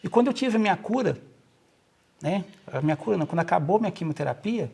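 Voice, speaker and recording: Middle-aged man, Minas Gerais accent, earnest interview guest, fairly high, husky and gravelly. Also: lively intonation, quick pace, darkish tone. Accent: Minas Gerais Brazilian Portuguese. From Brazil. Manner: earnest storytelling, repeats himself and restarts. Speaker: guest, nurse. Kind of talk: casual personal account.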